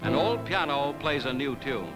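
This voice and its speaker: A man delivering 1940s newsreel narration in a brisk, emphatic announcer style, as on an old newsreel recording. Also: medium pitch, very animated, low-quality recording. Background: loud music bed.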